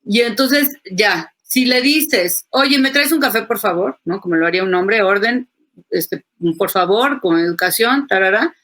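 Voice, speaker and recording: A woman's voice: medium pitch, normal speed, a bit bright. A woman, a psychoanalyst, talking animatedly on a webinar panel and acting out quoted phrases.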